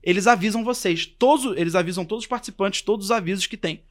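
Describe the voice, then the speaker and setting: A young man tells a story in a relaxed, casual chat. His voice sits high and his words come fast, and he slips into the voices of the people he quotes. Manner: animated, acts out quotes and voices. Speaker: podcast guest.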